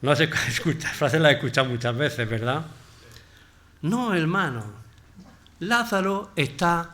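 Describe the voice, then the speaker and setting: Animated Spanish male preacher. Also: a little high, unhurried. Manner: animated, conversational, swings from loud emphasis to quiet asides. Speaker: pastor. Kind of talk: sermon.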